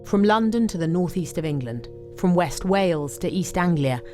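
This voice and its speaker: A woman's voice: on the low side, expressive, a little mellow. Serious woman reporter over music. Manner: measured, serious. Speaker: news reporter. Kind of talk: scripted news narration.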